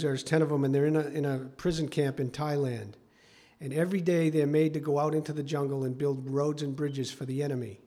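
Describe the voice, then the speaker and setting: A man's voice: on the high side, a little mellow. A man, the pastor, preaching a sermon in a conversational storytelling way, asking his listeners questions.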